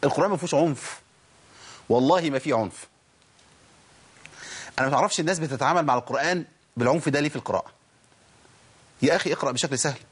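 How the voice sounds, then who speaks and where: A man with an Egyptian accent teaching Quran recitation on a program, asking himself questions and answering them, and sounding out letters slowly as examples. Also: a little high, slightly rough. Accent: Egyptian Arabic. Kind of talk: televised recitation lesson.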